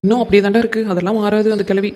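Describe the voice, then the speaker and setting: A woman voicing an emotional young married woman and elder sister in a cartoon, talking in a rapid, chatty, affectionate way. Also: medium pitch, fairly even intonation, a little mellow, a little hiss or hum, lightly acted. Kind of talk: animated cartoon voice acting.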